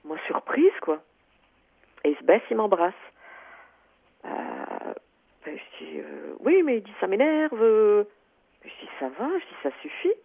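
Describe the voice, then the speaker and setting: A woman's voice: mid-range voice, big pitch swings, slow, vocal fry, long pauses, breathy edge. Hesitant woman caller on a phone line. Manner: hesitant, many fillers and restarts. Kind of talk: phone-in personal account.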